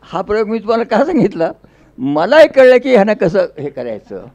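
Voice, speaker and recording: A man's voice: high-pitched, very animated, a little fast, a little mellow, lo-fi sound. A man giving a folksy storytelling speech, acting out dialogue in a rural dialect. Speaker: public speaker.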